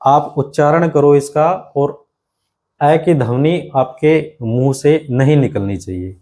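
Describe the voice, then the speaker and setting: A man's warm, higher-leaning voice moves slowly through a grammar lesson aimed at exam students. He explains each step in turn, asks many rhetorical questions, and often addresses his students as friends.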